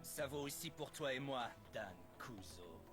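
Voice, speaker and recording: A man's voice: medium pitch, lively intonation, unhurried, natural voice. A man voicing an arrogant, cold rival battler in a French anime dub, with a haughty, declamatory delivery. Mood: cold challenge. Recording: loud music behind the voice.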